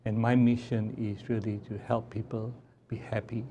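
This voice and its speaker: A man's voice: on the low side, little pitch movement, normal speed, dark tone, a little hiss or hum. A man in his sixties from Malaysia who grew up in Singapore, chatting cheerfully as a guest doctor on a talk show. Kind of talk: casual interview chat.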